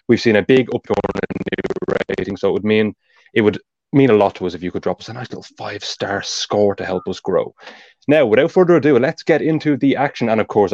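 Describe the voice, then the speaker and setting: Hosting a casual football podcast, an Irish man speaks quickly in a low, deep, darkish voice and explains tactics at length. The recording is dry and a little dull, like a home podcast mic, with no room sound.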